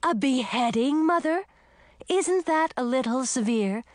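A woman's voice: expressive, measured pace, lightly acted. A woman voicing an earnest young mermaid. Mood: indignant. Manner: pitch rises high when indignant.

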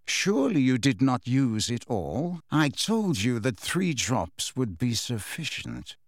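A man voicing a cold, disdainful middle-aged male professor who speaks slowly and smoothly in an audiobook reading. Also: medium pitch, very animated, no room sound.

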